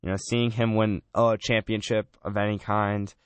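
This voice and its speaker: Man, low voice, college radio sports host, chatty and loose, dry studio sound. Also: level tone, moderate pace, clear, resonant tone, dry recording. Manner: chatty, says "man" and "I mean" a lot. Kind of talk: casual sports talk.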